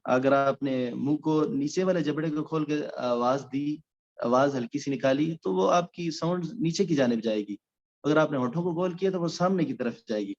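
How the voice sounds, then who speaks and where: A man's voice: a little high, darkish tone, muffled recording, slight background noise. A male recitation teacher giving a recorded lecture, explaining step by step with frequent hesitation sounds.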